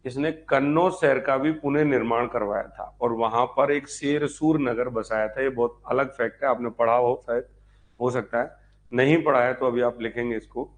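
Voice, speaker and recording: This is a live history exam-prep lecture online, given by a man with a mid-range voice, fairly even intonation and moderate pace. He restates key ideas, asks his students questions and talks casually with them.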